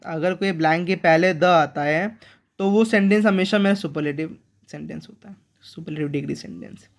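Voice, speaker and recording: High-voiced man teaching grammar. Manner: repeats key words and asks the viewers questions. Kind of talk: online grammar lesson.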